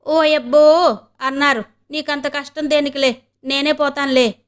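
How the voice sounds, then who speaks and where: A woman's voice: sits high, steady tone, normal speed, close to an everyday voice. A woman doing a cheeky, taunting housemaid. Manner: mocking, taunting.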